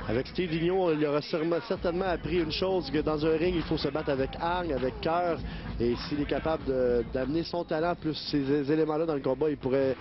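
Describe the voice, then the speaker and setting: A man's voice: on the high side, steady tone, fairly quick. A man giving analytical live fight commentary, explaining with hesitant phrasing. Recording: dull broadcast sound, music behind.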